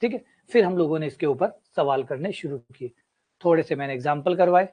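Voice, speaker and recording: A man's voice: on the high side, fairly quick, dark tone, breathy edge. A man, teaching a maths class as a lecture and explaining with everyday examples and repetition.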